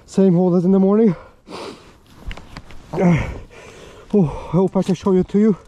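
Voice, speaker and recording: An excitable man narrating his ice fishing out on a frozen lake, out of breath and talking straight to his viewers. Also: high-pitched, moderate pace, highs cut off. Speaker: fishing vlogger. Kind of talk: excited live commentary while ice fishing.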